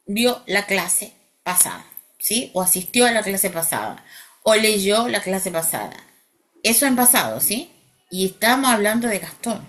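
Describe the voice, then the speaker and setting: A woman teaching an English grammar lesson, repeating points and checking in with frequent "¿sí?" and "ujú". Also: mid-range voice.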